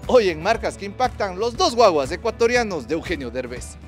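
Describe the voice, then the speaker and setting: A man's voice: sits high, animated, brisk, over music. A man in his thirties with an Ecuadorian accent, hosting an enthusiastic, slangy street interview with a handheld mic outdoors. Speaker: host and interviewer. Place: city street outdoors by film trailers. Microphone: handheld microphone.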